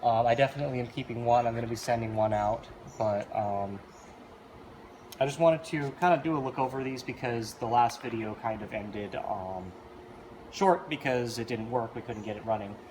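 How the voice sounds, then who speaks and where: With a mid-range, somewhat mellow voice at a moderate pace, a man presents as an arcade machine hobbyist, offering loose, unscripted hands-on commentary. He wanders a bit while thinking out loud, and faint background noise is audible.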